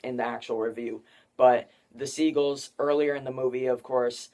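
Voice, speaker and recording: Speaking in a steady, mellow, medium-pitched voice at moderate speed, this young film review host chats casually through a spoiler-filled discussion. He rambles, leans heavily on fillers, and keeps saying "like."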